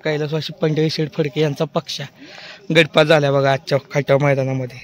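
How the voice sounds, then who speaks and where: A man working as a field reporter, firing off brisk, repetitive questions at a bullock cart race and echoing back the answers. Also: a little high, level tone, a crowd in the background. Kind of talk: quick roadside interviews.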